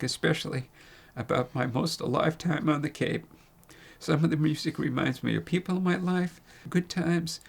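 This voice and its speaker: Gravelly older American man, tender faltering eulogy. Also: mid-range voice. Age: 70s. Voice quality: gravelly, husky. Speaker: speaker reading his own farewell funeral speech. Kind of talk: prepared personal eulogy read aloud.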